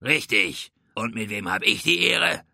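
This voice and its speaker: A man's voice: medium pitch, big pitch swings, measured pace, vocal fry, bright, forceful tone, no room sound, studio quality, heavily acted. A man voicing a bold, self-assured male pirate captain who barks orders, in a storybook reading. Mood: cool, assured.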